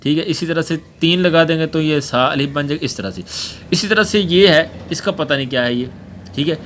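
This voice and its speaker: A male teacher leads a reading lesson with a calm, even-paced delivery, spelling out letter pairs one by one so pupils can repeat them. A faint hiss sits under the recording. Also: on the high side. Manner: patient, repeats letters slowly for pupils to echo. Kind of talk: spoken Urdu lesson.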